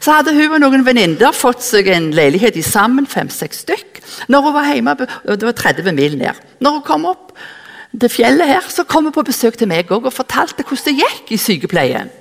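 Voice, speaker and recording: A woman's voice: a little high, big pitch swings, creaky. A woman giving a sermon in a church hall, telling a personal story and acting out the dialogue. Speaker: speaker at a church service. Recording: long echoing hall reverb.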